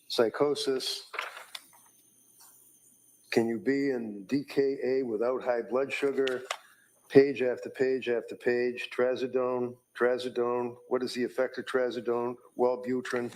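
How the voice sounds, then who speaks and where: A man working as a defense attorney, cross-examining a witness in a courtroom recording, halting and repeating his words as he leads the questions. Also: mid-range voice, background noise.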